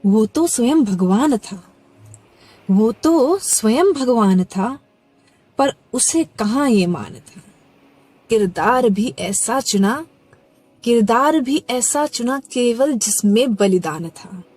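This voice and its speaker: A woman reciting devotional poetry with expressive delivery, her voice swelling and sinking to soft near-whispers on the refrains. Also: a little high, slow pace, long pauses, slightly rough. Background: faint background music.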